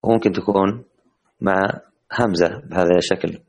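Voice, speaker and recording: A man teaching an online tajweed lesson to women. He quizzes his students, praises their answers, and stretches words slowly when he recites examples. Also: sits low, steady tone.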